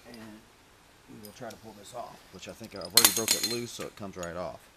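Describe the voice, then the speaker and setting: Rebuilding an engine in a spacious indoor garage with metal walls, a middle-aged home mechanic talks fairly quickly in a lowish voice. His how-to guidance is casual and practical, delivered in short chunks as his hands stay busy. Picked up by a nearby camera mic, the audio carries shop noise and clicking tools.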